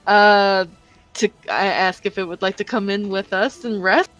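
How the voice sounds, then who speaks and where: A woman's voice: mid-range voice, steady tone, measured pace, fairly bright tone, faint music behind. A young woman playing in a tabletop game session. She talks casually in a mid-range voice and giggles often between lines. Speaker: player.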